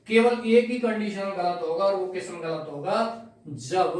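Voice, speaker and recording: Teacher in an echoey room. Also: male voice, high voice, recorded from a distance. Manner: explains step by step, asks and answers his own questions. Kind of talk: classroom lesson.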